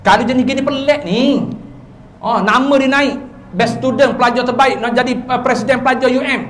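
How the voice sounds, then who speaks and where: A man with a Terengganu Malay accent giving an evening lecture as a religious teacher in a village prayer hall, telling stories with sudden swings between loud and soft. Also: brisk. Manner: lively storytelling with sudden swings in pitch and loudness.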